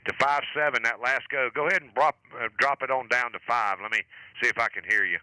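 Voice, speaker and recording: A man's voice: mid-range voice, a little fast, pushed and bright, smooth, no room sound, poor audio. A man from the United States hosting an amateur radio net, chatting informally and chummily with radio sign-offs.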